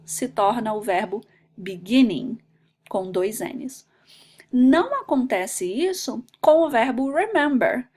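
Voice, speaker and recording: Patient woman teaching English grammar. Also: a little high. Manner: patient, methodical, spells out letters. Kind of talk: explaining grammar rules in a video lesson.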